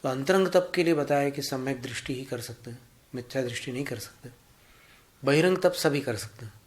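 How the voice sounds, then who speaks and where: A man giving a Jain religious discourse, teaching in a measured way and explaining points through anecdotes and examples. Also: mid-range voice. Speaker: Jain preacher.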